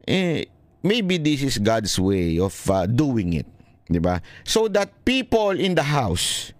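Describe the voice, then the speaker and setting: A man with a Filipino accent giving casual political commentary, animated and laughing often. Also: mid-range voice, slow pace, no room sound. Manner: animated, laughing often, switching between Tagalog and English.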